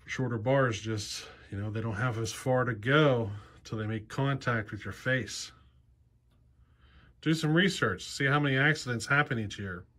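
At a moderate pace and medium pitch, with a fairly bright tone, a man in his forties hosts a chainsaw channel. He explains things in a casual, practical, plain-spoken manner, often saying um and you know, recorded close on a handheld camera in his cluttered workshop garage indoors.

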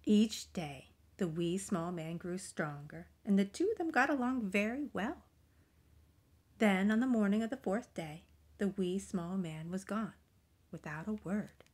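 A woman reading a children's picture book aloud, gentle and expressive, often dropping into soft whispers. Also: medium pitch, unhurried. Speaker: storybook reader.

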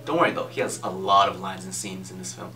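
A young man in an amateur student skit plays a brisk, dismissive casting director. His voice sits a bit low and sounds bright. He is recorded a little off mic, with faint noise behind. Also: far from the mic. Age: young adult.

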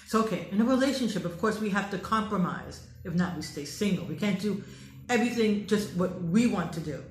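A woman's voice: mid-range voice, expressive, a little fast. An American woman speaking as a dating coach, giving emphatic, preachy advice and repeating her phrases for emphasis. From United States. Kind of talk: direct advice monologue. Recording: roomy echo.

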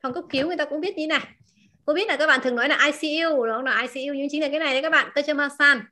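A woman teaching a language class, repeating words slowly and asking her students questions. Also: high-pitched, bright, forceful tone. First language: Vietnamese. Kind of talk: explaining vocabulary to a class.

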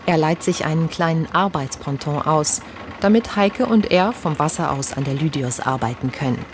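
A woman reading the scripted narration of a television documentary in a calm, even way. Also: deep voice, normal speed, a little hiss or hum.

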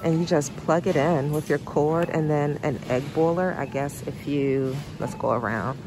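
A woman filming a casual shop-with-me vlog, chatting excitedly to viewers as y'all while browsing store aisles on a handheld phone. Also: low-pitched, normal speed, over music. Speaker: vlogger and therapist.

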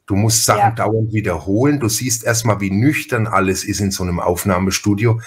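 A podcast host from Franconia, Germany, with a Franconian accent, chats casually in a fairly low, fairly even voice at a fairly quick pace. He rambles and often repeats his phrases.

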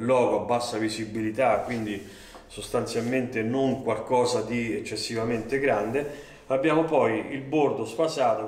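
A man's voice: mid-range voice, darkish tone. Man presenting a product in a roomy studio. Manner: explanatory, frequent fillers and check-ins. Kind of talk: product demonstration.

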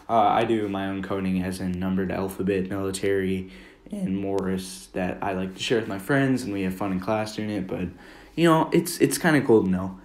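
The voice here is a lowish, somewhat dark male one: a young American, teenage or young adult, from Minnesota. As an amateur video maker he offers earnest, rambling, casual commentary over a screen capture, recorded at home in a room that sounds roomy and echoey.

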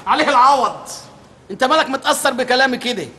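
An actor playing a loud, bossy, old-fashioned male Arabic teacher who scolds in a comically indignant way. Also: very high-pitched, fast, breathy edge, heavily acted. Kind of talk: comedy film acting.

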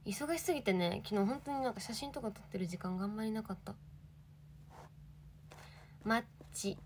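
A woman's voice: mid-range voice, normal speed, a little hiss or hum. A young woman in her twenties, an idol livestreaming, chatting casually and reading viewer comments with giggly, bubbly energy.

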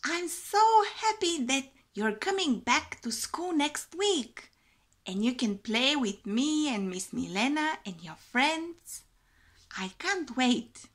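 Lingering over each word, a forties-aged teacher gives young kids a slow, expressive picture-book reading. Her pitch is high and rises and falls in a playful sing-song, and a close webcam captures her in a small room.

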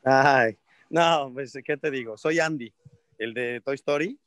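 A man's voice: mid-range voice, slow, no room sound, clean studio sound. A man with a Mexican accent, a politician giving an interview, telling stories in blunt slang, laughing often and acting out other people's voices. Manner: lively storyteller who acts out other people's voices. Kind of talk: casual interview chat.

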